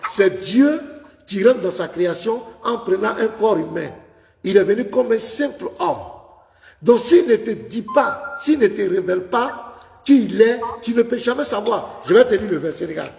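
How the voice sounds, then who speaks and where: Insistent pastor, high gravelly voice. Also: male voice, a little mellow. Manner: insistent, repeats phrases, reads Bible verses aloud. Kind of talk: heated live call-in debate. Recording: echoey room with long reverb.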